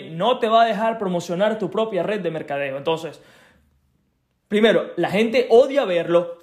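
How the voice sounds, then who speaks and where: High-voiced man giving blunt advice. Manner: blunt tough-love, tags lines with "ok?"; chatty, laughs between points. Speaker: network marketing coach. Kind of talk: direct-to-listener advice talk.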